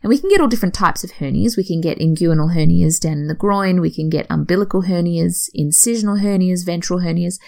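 Woman host, lower voice with some fry, chatty and explanatory, lesson-style delivery. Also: fast, few pauses, warm tone. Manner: explanatory, conversational, self-correcting. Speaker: podcast host. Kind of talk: educational talk.

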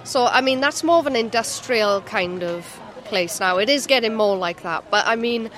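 A woman's voice: a little high, lively intonation, moderate pace, fairly bright tone. A woman in her twenties with a South Wales Valleys accent, chatting casually in an interview. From Merthyr Tydfil, south Wales. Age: 20s. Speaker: Pride attendee being interviewed. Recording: outdoor event with music behind. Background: music at an outdoor event.

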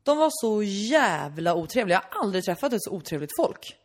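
A young woman in casual podcast chat, telling stories and acting out the people in them with sudden loud outbursts. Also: medium pitch. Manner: animated storyteller, acts out quotes loudly.

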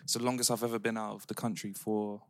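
A young man with a lowish voice talks fast as a podcast co-host, chatting casually and telling stories packed with slang. He's animated and laughing, like friends hanging out. The sound is clean studio audio with no room sound.

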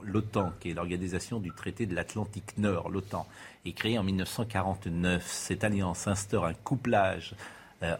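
A man hosts a televised debate, calm and explanatory as he moderates. His voice is low. A faint noise sits under the studio sound. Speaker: TV talk show host.

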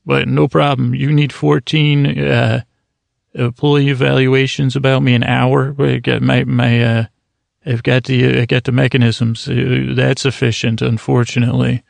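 A sleep podcast host with a heavily gravelly, fry-laden voice rambles a little slowly through a self-deprecating monologue meant to lull listeners to sleep. His pitch stays flat and even, he restarts often, and the dry, close recording has no echo or room sound.

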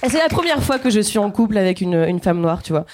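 A woman's voice: mid-range voice, sing-song, quick pace, darkish tone, a faint crowd. A woman in her thirties from Guadeloupe, performing a playful, chatty stand-up set and talking directly to the audience. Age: 30s. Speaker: stand-up comedian. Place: comedy stage.

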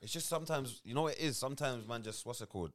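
A man's voice: mid-range voice, very fast. A man with an urban London roadman accent, chatting casually in street slang, repeating phrases as he goes. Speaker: podcast guest and former co-host. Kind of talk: casual chat.

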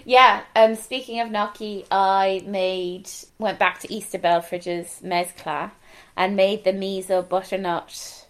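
A woman's voice: mid-range voice, fairly even intonation, takes it slowly. A woman with a west of Ireland accent from Galway, chatting casually as co-host of a cookbook show. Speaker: podcast co-host reviewing cookbooks. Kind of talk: casual chat.

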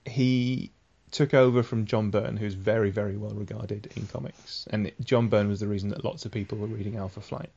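A man's voice: on the low side, fairly even intonation, moderate pace, vocal fry, hardly any pauses, dark tone, husky. Man explaining comics, muffled audio. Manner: explanatory, patient. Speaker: podcast host. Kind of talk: casual chat.

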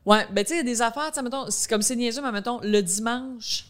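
A woman's voice: on the high side, fast talker, clean tone. Rambling rural Quebec woman comedian. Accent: Quebec French, rural. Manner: chatty, rambling, full of fillers. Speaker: comedian guest. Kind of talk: casual chat.

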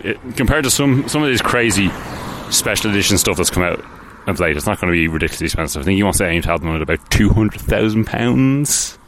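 Very deep-voiced man rambling hesitantly. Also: animated, fast talker, hardly any pauses, fairly bright tone, slight background noise. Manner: rambling, hesitant, many ums and restarts; offhand and self-deprecating. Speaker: podcast host. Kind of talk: casual solo podcast about cars.

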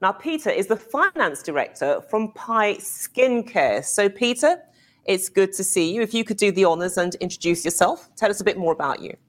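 A woman's voice: mid-range voice, expressive, normal speed. A woman hosting a business webinar, introducing speakers with light joking asides. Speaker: host.

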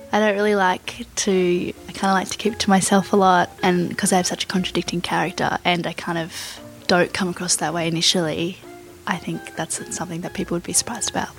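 A woman actor giving a soft-spoken, reflective interview answer. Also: mid-range voice.

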